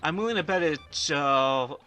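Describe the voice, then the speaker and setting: A man's voice: on the high side, expressive, measured pace, sharp tone. A man giving casual let's play commentary, rambling and often stuttering on the first syllables of words.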